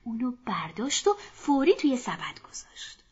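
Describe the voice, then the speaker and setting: A woman narrating a children's story in a soft, often half-whispered voice, speaking to children, in a dull lo-fi recording. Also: on the high side, wildly swooping pitch, slightly rough.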